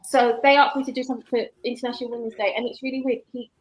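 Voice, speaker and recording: Woman in her forties, higher voice, chatty and reflective. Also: little pitch movement, rapid-fire, low-quality recording. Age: 40s. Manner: chatty, laughs often, reflective. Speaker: guest author. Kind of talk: casual live chat.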